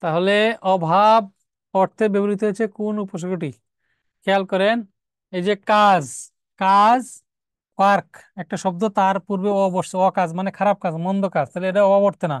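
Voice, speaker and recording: A man's voice: sits high, fairly even intonation, moderate pace, pauses often, clear, resonant tone, dry recording, studio quality. A man teaching a live exam-prep grammar lesson, explaining step by step, repeating key words and asking rhetorical questions. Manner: reads out student names and comments.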